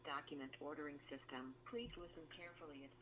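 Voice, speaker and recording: A woman speaking a recorded phone menu message, formal and even, heard through a call. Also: sits low, fast. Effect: recorded phone menu message heard over a phone call. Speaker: automated phone system announcer. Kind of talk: scripted phone menu prompts. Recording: noisy phone line on speaker.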